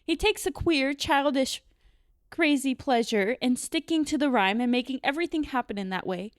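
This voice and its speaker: A woman's voice: sits high, expressive, normal speed, no echo, studio quality. A woman reading the part of a poised young woman, a schoolteacher type, in a plain reading. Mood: earnest.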